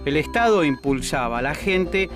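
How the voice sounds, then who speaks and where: A man reading a scripted educational narration in a steady, informative way. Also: on the high side, moderate pace. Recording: music bed under the voice.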